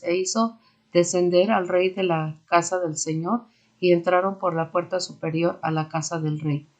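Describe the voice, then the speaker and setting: A woman reading scripture aloud in a steady, measured way. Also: lowish voice. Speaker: Bible reader.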